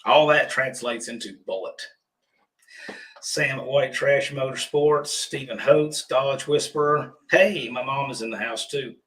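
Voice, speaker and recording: A man with a hoarse, rusty, froggy voice, chatting casually as he hosts a livestream. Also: medium pitch, a little slow, fairly bright tone, far from the mic. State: hoarse from pollen. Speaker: host of a livestream workshop. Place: remote studio.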